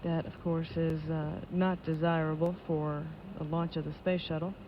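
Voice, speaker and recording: A woman giving live launch control commentary as an official announcer, in a measured, matter-of-fact way. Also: low-pitched, level tone. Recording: dull lo-fi broadcast audio with noise.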